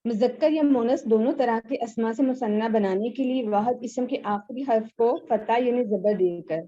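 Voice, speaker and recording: Woman student reader, slow and careful, dull call audio. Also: fairly high pitch, warm tone. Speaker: student reading aloud. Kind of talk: reading a lesson aloud in class. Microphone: video call.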